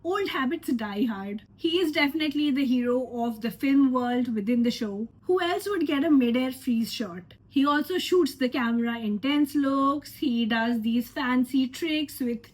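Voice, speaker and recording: A woman reviews a trailer in a casual, sarcastic way. Her voice is high and husky, stuffed up from a cold. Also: moderate pace, few pauses. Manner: opinionated, sarcastic. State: congested with a cold. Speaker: film reviewer.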